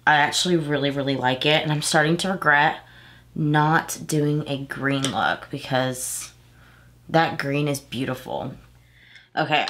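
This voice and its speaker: A Houston, Texas beauty vlogger in her thirties, she has a deep, fairly bright voice with a slightly nasal, stuffy edge. Indoors in a small room at home, she casually works through a makeup tutorial, rambling and correcting herself.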